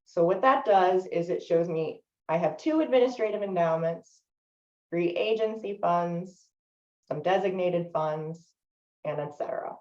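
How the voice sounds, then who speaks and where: A woman trainer walks through software steps in a webinar, with a steady explanatory delivery broken by frequent "um" fillers. Her voice sits a little low. She is heard from a distance over a video call, with a roomy echo and a dull, lo-fi sound. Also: unhurried. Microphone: video call microphone.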